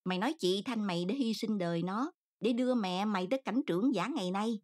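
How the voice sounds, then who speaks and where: A woman's voice: medium pitch, fast talker, a little mellow, lightly acted. A woman reading an audiobook, voicing an older aunt who scolds harshly and reproachfully. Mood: scolding.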